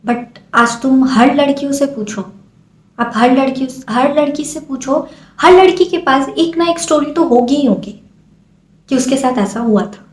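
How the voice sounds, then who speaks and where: A young woman from India talks straight to camera with a fairly high, earnest voice. Her delivery is impassioned and pleading. The room gives her voice a noticeable echo. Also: a little slow. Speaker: vlogger.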